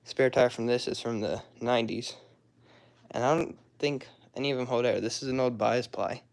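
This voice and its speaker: Hoarse young man rambling about cars. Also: medium pitch, moderate pace. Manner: rambling, loose and offhand, trails off mid-sentence. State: hoarse, throat-clearing, coughing. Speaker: car hobbyist showing his garage. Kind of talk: casual walkaround vlog.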